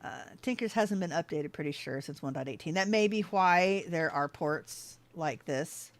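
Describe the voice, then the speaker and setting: A low-pitched woman's voice at a moderate pace carries this casual livestream chat. While gaming, she talks with viewers, wanders onto tangents and laughs frequently.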